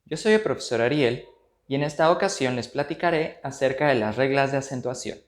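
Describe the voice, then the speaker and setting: A man's voice: medium pitch, animated, a little fast, reverberant. A man, a teacher giving a scripted grammar lesson and drawing example words out carefully.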